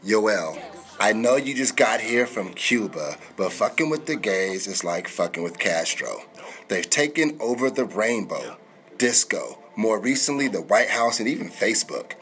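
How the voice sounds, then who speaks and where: A man's voice: fairly low pitch, lively intonation, unhurried, fairly bright tone. A man hosting a podcast, reading a scripted comedic sports news monologue in a slangy, wisecracking way. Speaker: podcast host. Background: music bed.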